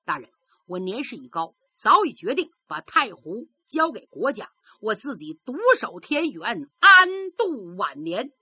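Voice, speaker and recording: A woman voicing a gracious, dignified older male lord who speaks slowly and formally. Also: mid-range voice, very animated, bright, forceful tone, slightly rough, dry recording, highs cut off, heavily acted.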